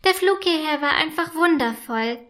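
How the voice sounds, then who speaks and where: A woman's voice: high-pitched, lively intonation, moderate pace, pitched above the performer's own voice. A woman voicing a small cheerful female snowflake in a children's storybook, friendly and a little proud. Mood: dreamy. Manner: bright, friendly, a bit proud. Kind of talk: storybook reading.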